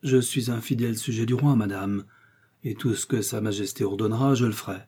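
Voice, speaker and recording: A man's voice: on the low side, steady tone, a little fast, mellow, slightly rough. A man reading the part of an embarrassed royal chancellor, formal and insistent.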